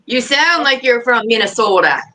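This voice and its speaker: A woman's voice: on the high side, lively intonation, normal speed, bright, forceful tone. A blunt, teasing woman chatting casually with friends. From lived in North Dakota about half her life. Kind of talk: casual chat. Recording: some background noise.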